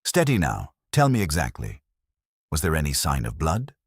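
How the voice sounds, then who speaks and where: Man doing a calm, steady village doctor. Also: a bass voice, husky, no room sound, clean studio sound, exaggerated voice. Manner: calm, brisk questioning.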